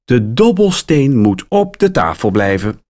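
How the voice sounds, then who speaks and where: A man's voice: mid-range voice, big pitch swings, measured pace, a little mellow. A man voicing a young boy in a children's story who often loses and sulks about it. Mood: bossy. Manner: sulky and sighing.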